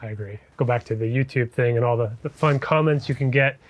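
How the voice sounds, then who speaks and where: Quick-talking man hosting a fishing chat. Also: mid-range voice, no echo. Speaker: podcast host. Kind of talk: casual interview chat.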